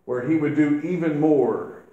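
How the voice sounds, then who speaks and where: A man, a minister, preaching a sermon in a church in a slow, deliberate way, rising in force when he quotes scripture. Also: on the high side, warm tone, lo-fi sound. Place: church sanctuary. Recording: echoey church hall.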